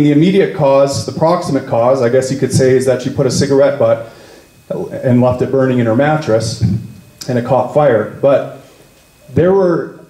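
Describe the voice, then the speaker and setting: Mellow-voiced man speaking in an echoey room. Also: medium pitch. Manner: storytelling, slowing down to stress key words. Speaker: party leader. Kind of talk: speech at a party meeting. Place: meeting room.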